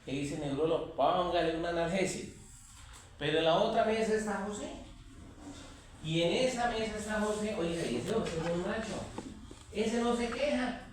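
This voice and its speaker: Colombian guy teaching anatomy, kinda high voice, far from the mic, faint room noise. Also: normal speed. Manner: animated, quizzing students, telling anecdotes. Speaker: anatomy lecturer. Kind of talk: classroom lecture. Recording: echoey classroom recorded from afar.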